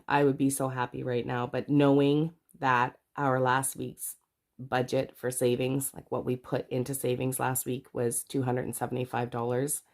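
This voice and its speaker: A middle-aged Canadian woman with a very deep voice, congested from a cold, chats casually to camera as a budgeting vlogger. She talks through her budget in rambling asides, correcting herself as she goes.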